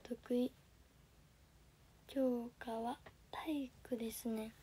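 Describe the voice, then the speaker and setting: A teenage girl with a Kansai accent, livestreaming for an audition and politely answering viewer comments in a soft, often half-whispered voice. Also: on the high side, fairly even intonation, extremely slow, breathy edge. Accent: Kansai Japanese. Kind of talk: casual livestream chat reading viewer comments. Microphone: phone camera.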